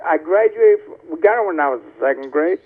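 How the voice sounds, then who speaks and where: Man calling in, clipped tinny phone line, rambling casual storyteller, slightly high voice. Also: lively intonation, quick pace, husky. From Tampa, Florida. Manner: rambling, self-correcting storyteller. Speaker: caller. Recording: tinny phone call on a TV show.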